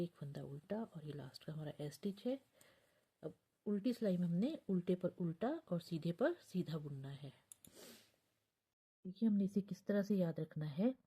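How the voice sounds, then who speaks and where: A woman giving a patient step-by-step knitting tutorial, counting stitches aloud and often dropping to a soft near-whisper. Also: lowish voice. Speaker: knitting teacher.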